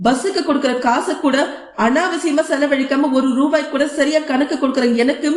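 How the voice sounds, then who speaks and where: A woman's voice: high-pitched, reverberant, close to an everyday voice. A woman voicing a hurt married daughter who asks her father pleading, reproachful questions in an audio novel.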